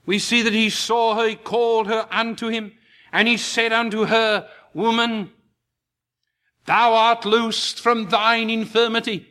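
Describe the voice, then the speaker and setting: High-voiced slow emphatic preacher man. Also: little pitch movement, pushed and bright. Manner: slow, emphatic preaching with rising impassioned peaks. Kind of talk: sermon.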